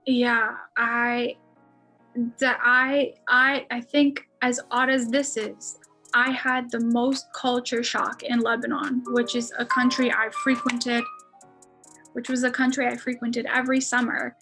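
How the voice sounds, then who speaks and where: A woman's voice: on the high side, level tone, unhurried, bright, forceful tone, soft background music. A young American woman in her twenties, a podcast guest telling a story in a casual, chatty way with lots of fillers and frequent laughs. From United States.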